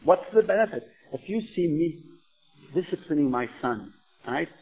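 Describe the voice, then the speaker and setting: A man's voice: on the high side, animated, normal speed, breathy edge. A man earnestly explaining religious views in discussion, telling stories and asking questions, heard as tinny phone-like sound. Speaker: religious speaker. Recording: tinny phone-like line with faint noise.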